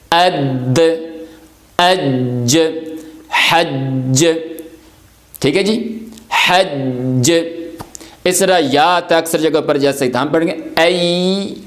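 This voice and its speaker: Patient man teaching Quran recitation, higher voice. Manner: explains patiently, repeats examples, recites verses slowly. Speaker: tajweed teacher.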